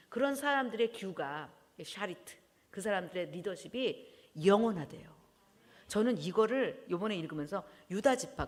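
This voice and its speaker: Animated woman preaching in an echoing hall. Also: mid-range voice. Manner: animated, laughing often, breaking into loud exclamations. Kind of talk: sermon. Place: church hall. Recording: long church hall reverb.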